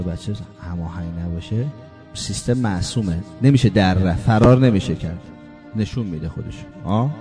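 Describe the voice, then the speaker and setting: A man delivering a religious sermon, asking rhetorical questions and swinging between loud emphatic points and low, hushed asides. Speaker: preacher.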